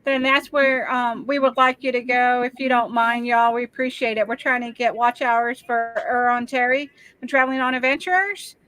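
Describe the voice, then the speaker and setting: Bright, high-voiced woman hosting a live chat. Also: fairly even intonation, normal speed, few pauses, no room sound, low-quality recording. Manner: laughs easily, addresses viewers directly. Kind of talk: casual live-stream chat.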